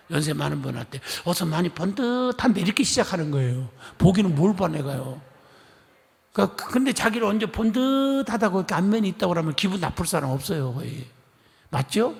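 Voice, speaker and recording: A middle-aged man from Korea's Chungcheong region preaching a lively, chatty sermon, acting out conversations and coaxing the congregation to respond. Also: fairly high pitch, creaky. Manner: chatty storytelling, acting out dialogue. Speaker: pastor. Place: church sanctuary. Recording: long church hall reverb.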